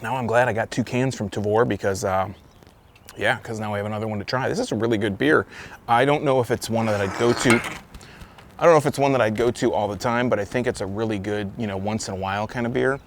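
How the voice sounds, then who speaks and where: In a casual beer review vlog shot outdoors on a windy day, a man speaks fast in a fairly low voice with a gravelly, fry-heavy edge. He rambles loosely and keeps restarting and correcting his thoughts. A faint hiss of wind runs behind him.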